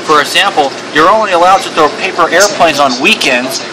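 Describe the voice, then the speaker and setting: A man's voice: fairly high pitch, brisk, lightly acted. A man voicing a courteous, bookish legal expert in a video game, formal and pedantic. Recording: clearly noisy background.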